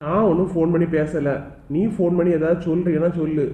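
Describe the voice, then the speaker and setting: A man playing a sulky cartoon husband, slightly high voice, Kanyakumari accent, grumbling. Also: little pitch movement, fast talker, phone-quality sound, natural voice. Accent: Kanyakumari Tamil. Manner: grumbling, defensive. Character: irritable young husband, sulking and defensive.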